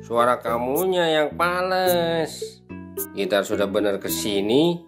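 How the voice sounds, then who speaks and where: A man plays a cheeky young village watchman who teases his friends in a Sundanese lilt. His pitch swings widely while his pace stays slow and drawn out, with clear guitar music behind him. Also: expressive. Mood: teasing. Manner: teasing, mocking banter. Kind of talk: motion comic voice acting.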